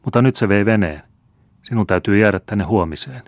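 A man voicing an old female fortune-teller who reads palms in a teasing, blunt manner, counting slowly and deliberately. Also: fairly low pitch, lively intonation, no echo. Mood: sighing. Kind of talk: audiobook character reading. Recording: dry close studio sound.

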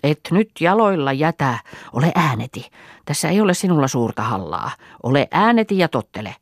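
A woman's voice: deep voice, sing-song, dry recording, clean studio sound, exaggerated voice. A woman voicing a stern old village healer woman who chants charms and gives commands. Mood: stern chanting. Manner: incantatory, commanding.

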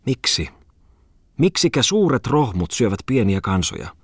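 A man's voice: deep voice, expressive, no room sound, studio quality. A man voicing a tipsy, emotional idealist who rants in a whining, pleading voice in an audiobook. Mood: ranting. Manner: whiny, pleading, rhetorical outbursts.

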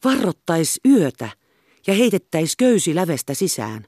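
A woman's voice: on the low side, very animated, warm tone, no room sound, studio quality. A woman reading aloud the lines of a dreamy, hot-tempered schoolboy who makes eager suggestions.

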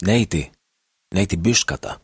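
A man voicing a naive crippled dreamer with a hoarse, wheezing voice, eagerly boasting in an audiobook. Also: low voice, lively intonation, dry recording, studio quality, voice pushed up, heavily acted. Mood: urgent. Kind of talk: audiobook character reading.

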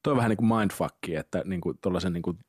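A man hosting a casual interview podcast, reading out old quotes and tossing in quick casual remarks. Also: low voice, darkish tone, breathy edge, no room sound, studio quality. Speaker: podcast host.

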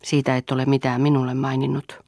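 A woman reading a desperate young lover, gravelly. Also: a bass voice, completely flat delivery, mellow, no room sound, clean studio sound. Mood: reproachful. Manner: imploring, melodramatic.

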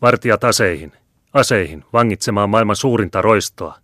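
A man doing a furious, shouting young man. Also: deep voice, little pitch movement, dry recording, studio quality. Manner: shouting, shaken. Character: startled angry young man.

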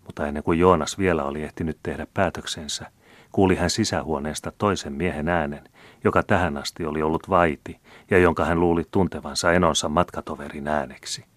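A man reading a novel aloud as an audiobook narrator, in a measured, even manner. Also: a bass voice, no echo. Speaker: audiobook reader.

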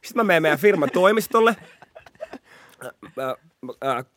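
A man's voice: high voice, background noise. A young man telling a story on a podcast, laughing and acting out what people said. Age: young adult. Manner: animated, laughing, acts out quotes. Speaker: podcast host. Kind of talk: casual storytelling chat.

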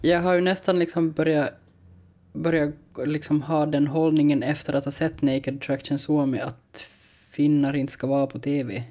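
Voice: medium pitch, level tone, a little mellow. A podcast co-host with a Finland Swedish accent, chatting casually in a wry, joking way. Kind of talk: casual chat.

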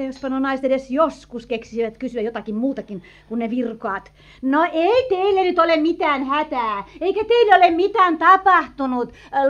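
An actress playing a practical, scolding housemaid in an old radio play. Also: female voice, sits high, a bit bright. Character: brisk, cheeky housemaid. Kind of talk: vintage radio play acting. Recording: dull lo-fi old radio recording.

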